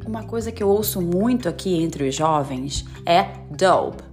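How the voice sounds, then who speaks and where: Woman, podcast teacher, lowish voice, casual chatty delivery, faint music underneath. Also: lively intonation, unhurried, a little mellow. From Brazil. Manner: chatty, frequent tag questions, drops into English examples. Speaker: podcast host teaching English slang. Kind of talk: casual explanatory lesson. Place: lives in the United States.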